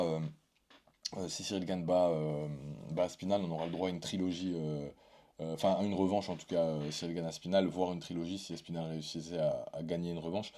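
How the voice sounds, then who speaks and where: Low, mellow-voiced man rambling casually. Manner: rambling, hesitant with frequent fillers and restarts; blunt and informal. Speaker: MMA YouTube channel host. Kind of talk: casual solo commentary.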